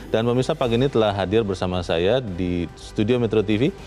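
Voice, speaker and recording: Male news anchor, lowish register, presenting and interviewing over faint music. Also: a little fast, a little mellow. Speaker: TV and radio editorial show host. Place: TV studio.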